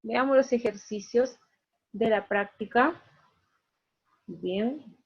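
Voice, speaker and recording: A woman with a high-ish, breathy voice teaches an online class, speaking slowly. Her explanations are patient and step by step, and she checks in with students often. The audio is a dull lo-fi recording.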